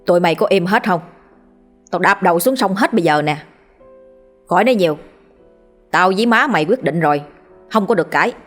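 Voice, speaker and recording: A domineering village father barks rapid, threatening orders in a Southern Vietnamese storybook voice, as a woman narrator puts him on. He sounds a little lower and louder than the narrator, with faint music underneath. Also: animated. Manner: barking, threatening, fast. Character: gruff domineering rural father.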